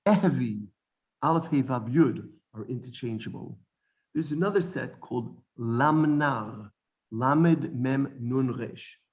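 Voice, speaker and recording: Male bible teacher, animated, repeats himself, lots of restarts, informal lesson. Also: medium pitch, slow, lo-fi sound. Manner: animated, repeats words, many restarts and fillers.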